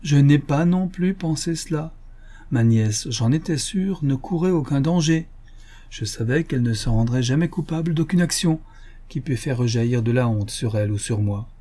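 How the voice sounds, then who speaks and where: A man's voice: mid-range voice, animated, normal speed, dark tone, lightly acted. A man reading a firm, indignant old country doctor. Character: stubborn, principled country doctor, older man.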